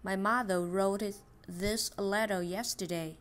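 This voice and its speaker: A woman teaching English in a casual lesson, explaining words, repeating pronunciations and muttering quiet asides. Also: medium pitch, fairly even intonation, slow pace.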